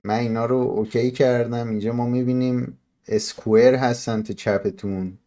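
A man's voice: medium pitch, steady tone, dark tone. A man hosting a podcast in casual, bantering chat. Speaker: podcast host.

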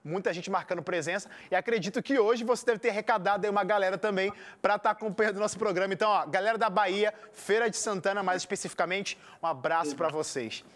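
A man's voice: high voice, quick pace, few pauses, a bit bright. A man with a Carioca accent from Rio, presenting a music show in a conversational style. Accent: Carioca Brazilian Portuguese. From Rio de Janeiro, Brazil.

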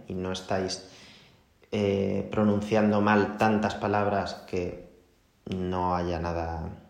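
A man's voice: on the low side, creaky, darkish tone. A man with a Spain Spanish accent, an English teacher patiently explaining a lesson to his students, checking in often. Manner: patient, repeats "¿vale?" often. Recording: roomy echo.

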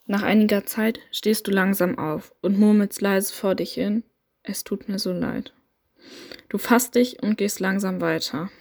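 A woman narrating a dramatic second-person interactive audio story. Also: medium pitch.

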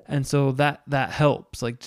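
A man's voice: medium pitch, level tone, slow pace, clear, resonant tone, no echo. Young man giving earnest advice, dry sound. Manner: earnest, reflective advice-giver. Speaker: podcast co-host. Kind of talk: casual conversation.

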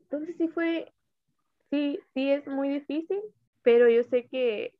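A young woman with a Mexican accent tells a personal story of grief, halting and searching for her words. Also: high-pitched, dry recording. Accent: Mexican Spanish. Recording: tinny phone-like sound.

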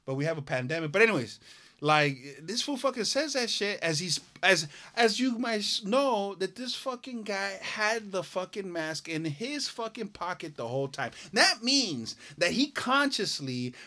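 A man co-hosting a casual podcast, telling a story in a profane, animated way and acting out the voices of the people in it. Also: sits high, moderate pace. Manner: profane, animated, laughing, acts out quoted voices. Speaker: podcast co-host.

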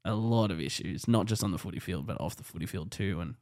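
A man's voice: sits low, expressive, fast talker, darkish tone. Man, Australian accent, podcast host, casual chat, blunt, sweary. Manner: blunt, heavy swearing, rowdy.

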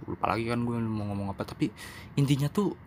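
A young man hosting his own podcast, talking candidly and rambling, now calm, now emphatic and self-mocking. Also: medium pitch, fast, a little hiss or hum. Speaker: podcast host. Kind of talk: casual solo podcast monologue.

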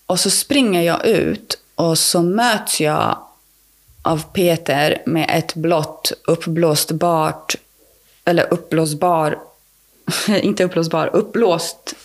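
A woman speaks as a podcast guest with a somewhat low voice and a gravelly, fry-laden texture. She tells her story in loose, conversational talk. She restarts her sentences and leans on fillers as she goes. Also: steady tone, pauses often.

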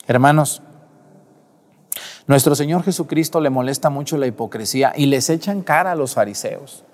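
A man's voice: medium pitch, big-room sound. A man preaching a sermon at mass, scolding the congregation directly with rhetorical questions. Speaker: priest. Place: church.

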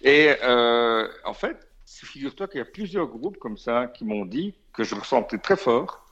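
A Belgian man with a Belgian French accent, a guest on a radio show, telling a casual anecdote in a chatty, animated way with plenty of fillers and asides, in a slightly dull radio recording. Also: medium pitch, normal speed.

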